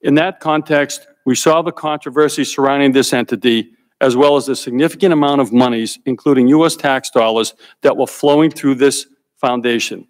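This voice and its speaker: A man's voice: mid-range voice, steady tone. Emphatic man giving formal testimony. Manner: emphatic, deliberate, repeats key points. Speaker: hearing witness. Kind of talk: prepared testimony. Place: congressional hearing room.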